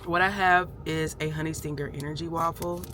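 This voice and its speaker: A woman's voice: deep voice, fairly even intonation, a little fast. A woman chatting casually to camera in a vlog, talking into a handheld phone. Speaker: vlogger, race participant. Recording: noisy outdoor crowd and traffic.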